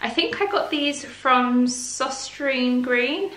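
Filmed indoors by a camera sitting across her living room, a young British home vlogger tidies and decorates while chatting away cheerfully, jumping at little surprises. She has a high, fairly bright voice and takes her time, and the recording sounds roomy and far off.

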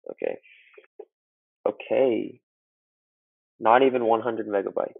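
Recorded on a built-in laptop microphone that makes him sound muffled, as though behind a wall, this male student talks through a casual computer tutorial. His voice is lowish, husky and fry-laden, slow and steady in tone, with no room sound, and he rambles chattily with many fillers.

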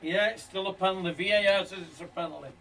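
A man's voice: high voice, quick pace, a bit bright. An older man reacting casually to a football match, often repeating his phrases. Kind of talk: casual watch-along commentary. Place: small wood-panelled fan room, away from the camera. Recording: distant room mic with light noise.

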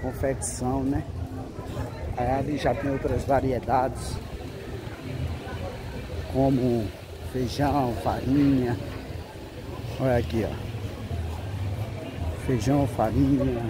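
A man's voice: medium pitch, flat delivery, takes it slowly, pauses often. A man with a northeastern Brazilian accent giving a casual, repetitive walking tour commentary, pointing things out to viewers. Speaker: vlogger. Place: busy open-air street market. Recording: loud street market crowd and traffic noise. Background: crowd, street noise, vehicles.

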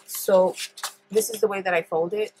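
A woman with a stuffy, mid-range voice that is steady and a little mellow speaks at normal speed, with slight hiss or hum on the track. Sitting at her table, she casually talks her way through a paper craft, step by step, often pausing on um.

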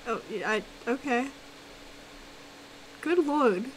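A woman streaming a game and chatting casually, excitable and teasing, with sudden loud exclamations. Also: a little high, slow pace, background noise. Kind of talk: casual gaming chat.

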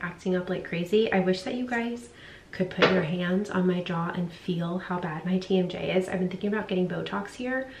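A woman's voice: mid-range voice, distant mic, a little hiss or hum. A young woman rambling through a casual personal vlog at home, full of fillers and asides. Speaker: lifestyle vlogger. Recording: echoey room, off-mic, faint ambience.

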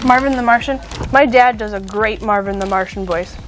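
A woman's voice: medium pitch, a little fast, background noise. A woman in her thirties hosting a casual candy shop chat, upbeat and chatty with fillers and small laughs.

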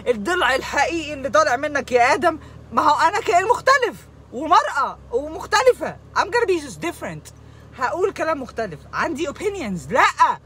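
A woman's voice: high-pitched, fairly bright tone, a little hiss or hum. A young Egyptian woman with an Egyptian Arabic accent, hosting a video and ranting dramatically, sometimes sliding into mock sobbing and dropping in English words. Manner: mixes English words into speech. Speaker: video host. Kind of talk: comedic emotional rant.

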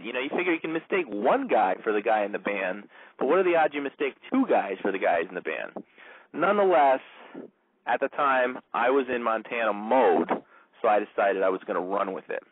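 A man's voice: mid-range voice, breathy edge, no room sound. A male radio host casually telling a long, rambling story, with lots of fillers. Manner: rambling, full of "like" and "you know". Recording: narrow phone-like band, dry.

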